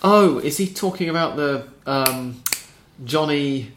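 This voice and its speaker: A man's voice: a little high, slow pace, a bit bright, slight background noise. A man hosting a casual podcast chat, reading out listener questions in a chatty, dry way. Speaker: podcast host.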